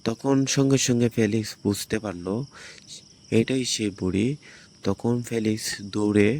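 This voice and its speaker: A man's voice: fairly low pitch, vocal fry, a little mellow. A man narrates the story of a film as a movie recap.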